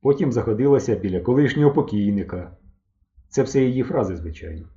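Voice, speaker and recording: A man narrating an audiobook in an even storytelling manner. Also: medium pitch, fast, muffled recording.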